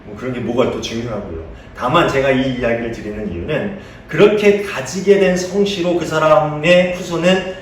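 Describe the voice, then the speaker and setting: A man's voice: fairly high pitch, slight background noise. A male pastor preaching a sermon in a conversational way, asking his congregation questions and telling playful anecdotes. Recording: echoey room heard from a distance.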